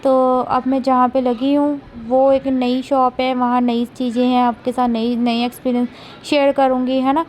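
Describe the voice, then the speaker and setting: A woman's voice: sits high, flat delivery, normal speed, darkish tone, slight background noise. A woman vlogging casually at home about her day as a mother, talking in a rambling way with frequent tag questions. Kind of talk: casual chatty daily vlog.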